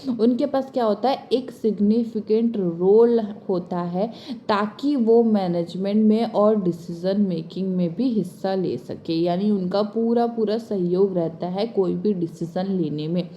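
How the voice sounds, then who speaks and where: A woman teaching commerce in a bilingual exam-prep lecture, reading English lines slowly and then explaining quickly, often stopping to check that her students follow. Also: mid-range voice, dark tone, dull audio, slight background noise. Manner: repeats points with frequent check-ins.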